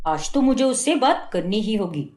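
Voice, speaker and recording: A woman's voice: mid-range voice, big pitch swings, moderate pace, a little mellow, natural voice. A woman voicing a rude, fault-finding young husband in a cartoon, talking in a complaining, scolding way. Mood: angry. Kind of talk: cartoon voice acting. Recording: roomy echo.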